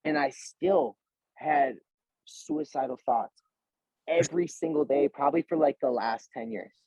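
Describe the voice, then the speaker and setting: A man's voice: mid-range voice, measured pace, darkish tone, no room sound. A man in his twenties, a pro fighter being interviewed, talking in a slangy, earnest way with lots of swearing and "bro", acting out both sides of past talks. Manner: slangy, swears freely, says "bro" a lot; retells scenes by voicing both sides of the talk. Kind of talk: casual interview talk. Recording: dull, lo-fi, dry sound.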